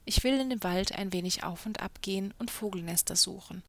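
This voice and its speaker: A woman voicing a bold, clever young man who talks calmly and without fear in a storybook tale. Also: mid-range voice, brisk, dry recording, lightly acted. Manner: calm, bold. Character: fearless clever young male student, son.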